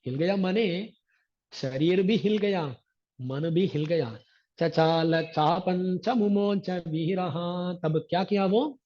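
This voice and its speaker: A man's voice: high-pitched, takes it slowly, lo-fi sound. A male religious teacher giving a scripture discourse, chanting Sanskrit verses and then explaining them line by line.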